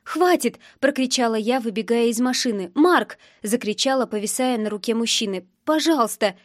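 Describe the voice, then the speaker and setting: A woman's voice: fairly high pitch, fairly even intonation, fast talker, no echo, clean studio sound. A woman narrating a first-person novel in a tense, emotional way. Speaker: audiobook narrator.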